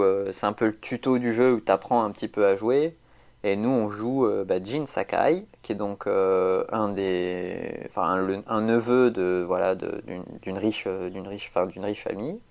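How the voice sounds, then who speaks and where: A man chatting casually on a podcast, rambling with many fillers and restarts. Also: on the low side. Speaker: podcast host.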